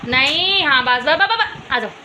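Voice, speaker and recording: A woman's voice: high-pitched, animated, measured pace, pushed and bright, slight background noise. A young woman vlogging at home, talking with her small daughter and the viewers, by turns coaxing and scolding. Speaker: vlogger and mother. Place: home, indoors.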